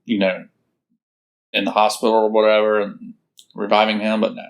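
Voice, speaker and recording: A man's voice: fairly low pitch, completely flat delivery, normal speed, creaky. A man co-hosting a podcast in casual chat, hesitant, with stammered restarts and many fillers. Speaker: podcast co-host.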